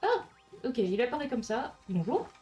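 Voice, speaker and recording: A woman's voice: a little high, big pitch swings, normal speed, warm tone, soft background music. A French woman giving casual let's play commentary, chatting to the creatures on screen as she plays.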